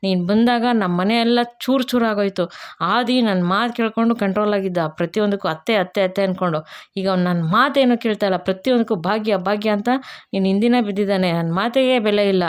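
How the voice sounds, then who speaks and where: A woman's voice: mid-range voice, quick pace, smooth, close to an everyday voice. A woman playing a bitter domineering aunt. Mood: angry scolding. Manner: scolding, domineering.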